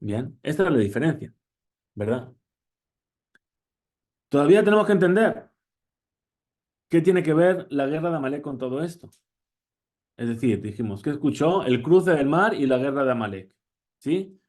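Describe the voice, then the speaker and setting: Rabbi teaching with questioning pauses. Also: male voice, on the high side, lively intonation, a little mellow. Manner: teaching with questions and Hebrew quotes; frequent hesitations and restarts. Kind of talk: Torah class.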